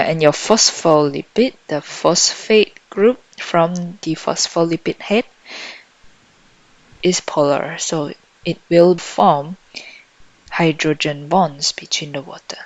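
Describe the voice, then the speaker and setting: Low, unhurried female tutor thinking out loud. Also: no room sound. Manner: thinking out loud while solving. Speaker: biology tutor. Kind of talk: lesson, working through exam questions. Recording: dull lo-fi microphone.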